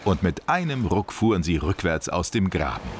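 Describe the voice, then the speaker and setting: A man reading a children's story as scripted narration, in an expressive, sing-song telling. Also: low-pitched, moderate pace, background noise. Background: music.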